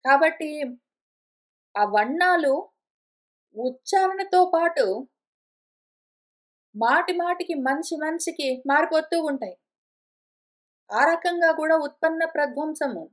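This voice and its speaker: A woman giving a conversational scripture lesson, repeating and rephrasing her points and slowing down to recite verses. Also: sits high, expressive. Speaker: teacher of scripture. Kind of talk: explanatory spoken lesson.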